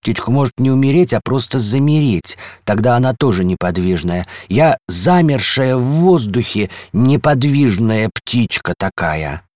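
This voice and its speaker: A man's voice: animated, a little slow, few pauses, darkish tone, no echo, close to an everyday voice. A dreamy storybook balcony that fancies itself a bird, put on by a man. It speaks earnestly and wistfully, its voice lifting well above the reader's own and swooping widely. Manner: earnest, wistful, lifting high on proud claims. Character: dreamy little balcony who believes it is a bird.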